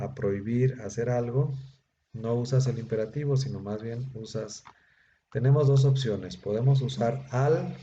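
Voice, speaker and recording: A man's voice: medium pitch, mellow. A man teaching a Hebrew grammar class, explaining patiently step by step and checking in with his students. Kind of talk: grammar lesson. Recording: dull lo-fi recording with faint noise.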